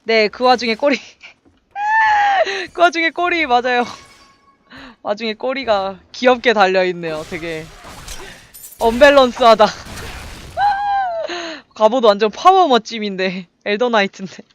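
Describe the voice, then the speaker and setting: A young woman casually commenting on her gameplay, chatty and excitable, making little sound effects as she fights. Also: on the high side, normal speed, slight background noise. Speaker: game streamer.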